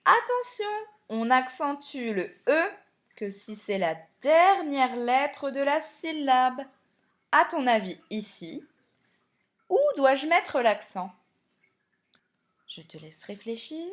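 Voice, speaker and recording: Slow, clear-spoken woman teaching spelling. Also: high voice, expressive. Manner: slow, clear classroom explanation, addressing pupils directly. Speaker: primary school teacher. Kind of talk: recorded spelling lesson.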